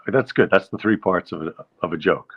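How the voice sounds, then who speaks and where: A man's voice: deep voice, brisk, slightly rough. A man hosting a casual stream, reading viewer comments aloud and musing over them in a wry, easygoing way. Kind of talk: casual chat. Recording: dull lo-fi sound.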